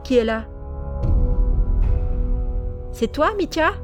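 A woman reading an audiobook, voicing an angry, threatening young village man who shouts accusations. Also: medium pitch, normal speed, music in the background, lightly acted. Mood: suspicious.

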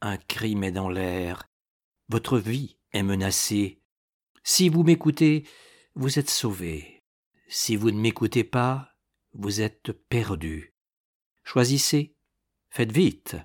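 A man reading an audiobook and voicing a mysterious old woman seer who speaks slowly, gravely and insistently. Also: fairly low pitch, animated. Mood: urgent warning.

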